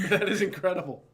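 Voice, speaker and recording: A man running a tabletop game as game master, excitable and prone to swearing and stumbling over his words. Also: high-pitched, slight background noise.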